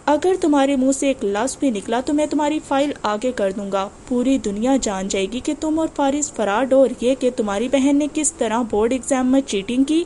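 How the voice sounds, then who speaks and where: A woman's voice: high-pitched, few pauses, mellow, slight background noise, natural voice. A woman doing a cold, arrogant rich man. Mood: menacing.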